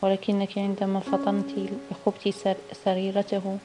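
A woman voicing a calm, wise older mother-in-law who gives measured advice in a read-aloud story. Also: medium pitch, lightly acted. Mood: firm.

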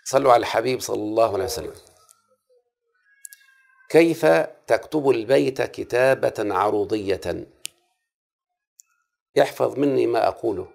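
Gravelly-voiced Egyptian man teaching a lesson. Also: mid-range voice, moderate pace, pauses often, a little mellow. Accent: Egyptian Arabic. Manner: repeats rules and checks understanding with frequent questions. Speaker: teacher of Arabic prosody. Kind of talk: classroom lesson.

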